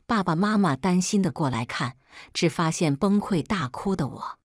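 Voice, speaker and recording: A woman narrating a first-person drama story in a steady, emotive scripted read. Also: on the low side, moderate pace, no echo, clean studio sound.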